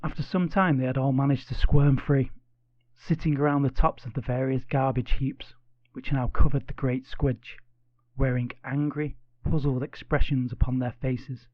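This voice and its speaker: A man narrating a children's audiobook with expressive, playful storytelling. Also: mid-range voice, moderate pace, no echo, highs cut off.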